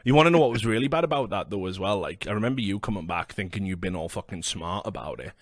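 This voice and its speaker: A man in his thirties with a fairly low voice, recorded dry and close. He chats casually, spinning sweary, blokey anecdotes and acting out what people said. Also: fast talker, no room sound. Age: 30s. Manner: sweary, blokey, animated storytelling with acted-out quotes. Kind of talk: casual chat, telling bar-fight anecdotes.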